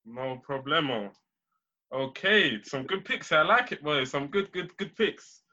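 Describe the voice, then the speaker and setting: A young man hosts in a bright, fairly high voice. He is informal and encouraging, moderating casual banter. The audio is slightly muffled. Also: animated, measured pace. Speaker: host of a football draft.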